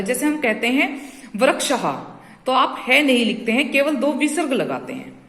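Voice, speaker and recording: A woman teaching a school grammar lesson, explaining patiently, stretching out example sounds and checking that students follow. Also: on the high side. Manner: addresses students as "beta". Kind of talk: classroom-style grammar lesson. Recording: echoey room with long reverb.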